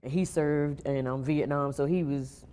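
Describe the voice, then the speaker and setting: A woman, a guest on a talk show, telling her personal story in a quiet, halting way. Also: deep voice, steady tone, clear, resonant tone. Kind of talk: personal testimony interview.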